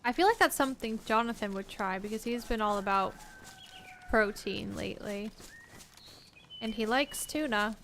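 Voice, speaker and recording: A woman's voice: mid-range voice, moderate pace, long pauses, fairly bright tone, a little hiss or hum. A woman livestreaming a game, chatting casually and talking to viewers and teammates by name. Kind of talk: casual gameplay chat while reading chat.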